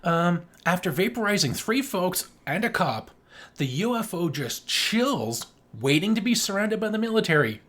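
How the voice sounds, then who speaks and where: A podcast co-host chats casually about a film, slangy, joking and sweary. His voice is high and fairly bright, very animated, at a moderate pace.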